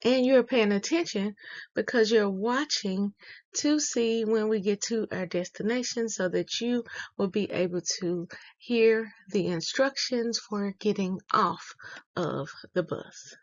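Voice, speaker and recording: Woman school announcer, measured teacherly delivery for kids, unhurried, slightly muffled recording. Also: mid-range voice. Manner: slow, deliberate, explaining rules to children.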